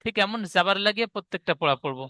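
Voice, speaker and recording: Male teacher, high and bright, clean dry sound, patient and repetitive in his explanations. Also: lively intonation, no echo. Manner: patient, repeats each rule slowly. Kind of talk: teaching Arabic letter reading.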